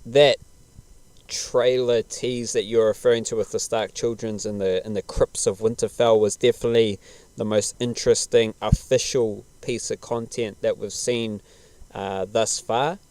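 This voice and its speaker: Low, smooth New man, casually chatting. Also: steady tone, a little slow, darkish tone, no echo. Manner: laid-back, slangy, rambling. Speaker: podcast host. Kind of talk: casual podcast chat about television.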